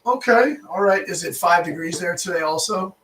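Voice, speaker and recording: A man's voice: sits high, normal speed, a bit bright, distant mic, slight background noise. Chatty man in an echoey room. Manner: chatty, restarts phrases, laughs easily. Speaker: real estate agent. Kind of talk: casual explanation and live cold calls.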